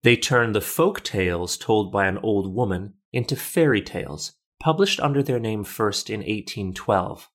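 Reading documentary narration from a script, this podcast host speaks in a lowish voice, keeping his delivery measured, literate, and explanatory.

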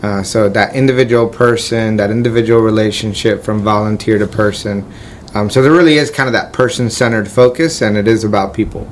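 A man who was born in Colombia and raised in Florida, a nonprofit CEO answering interview questions in a relaxed, friendly way with frequent fillers. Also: lowish voice, brisk, a little hiss or hum.

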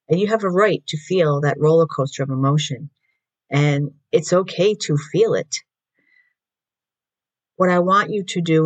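A woman with a raspy voice hosting a mindfulness podcast, calmly guiding listeners through breathing, her voice slightly hoarse from allergies and recorded in an echoey room. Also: low voice. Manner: calm, slow guided breathing instructions. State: voice going in and out from allergies. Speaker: podcast host.

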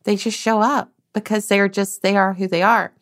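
A woman's voice: medium pitch, steady tone, moderate pace. A woman hosting a solo self-help podcast, talking earnestly and casually, often repeating and restarting her words. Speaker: podcast host.

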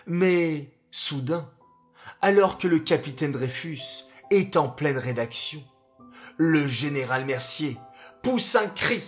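A man narrating a history story for children in a dramatic, scripted way, sometimes speaking to them directly. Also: on the high side. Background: faint music.

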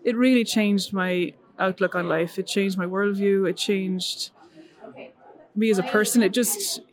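A middle-aged woman from Ireland, a missionary guest, recounts her story with earnestness during a conversational interview. Her medium pitch keeps a fairly even intonation at a measured pace, and she restarts and uses fillers frequently.

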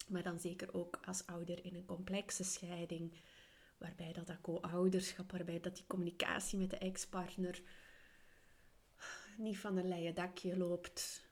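A woman's voice: fairly low pitch, darkish tone. Sick Flemish woman, voice half whispered. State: ill, weak voice that keeps dropping to a whisper. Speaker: podcast host and coach for separated parents. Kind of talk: solo podcast monologue.

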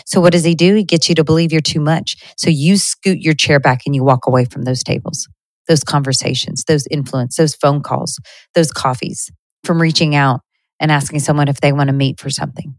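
A woman's voice: low-pitched, steady tone, brisk, dry recording, low-quality recording. A woman in her thirties hosting a podcast, giving an earnest, conversational faith talk to her listeners with frequent restarts. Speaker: podcast host.

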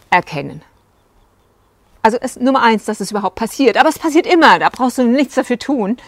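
A woman's voice: mid-range voice, no room sound. A woman couples coach telling stories from her sessions in a casual, chatty way, acting out what her clients said, with fillers and asides. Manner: recounts client sessions, acting out quoted lines. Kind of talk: storytelling talk to video viewers.

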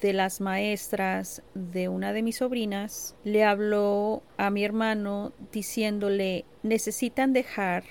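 Woman co-host, gravelly tone, reflective and measured in casual chat. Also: mid-range voice, little pitch movement, darkish tone. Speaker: podcast co-host. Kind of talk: casual conversation.

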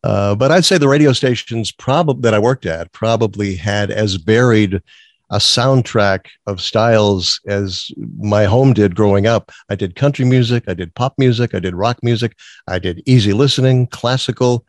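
A man's voice: on the low side, normal speed, dry recording. A man who grew up in Massachusetts, a guest on an interview show, telling stories in a chatty way and often laughing. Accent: neutral American, no strong regional accent. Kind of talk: casual interview chat.

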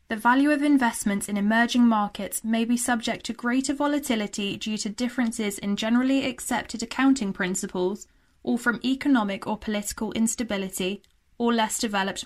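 A woman reading a scripted legal disclaimer in a formal, measured way. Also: a little high. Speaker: podcast disclaimer reader.

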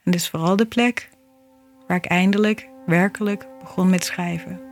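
A woman reading a scripted, reflective narration in a gentle, meditative manner. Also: fairly low pitch, steady tone, normal speed. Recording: music behind the voice. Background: music.

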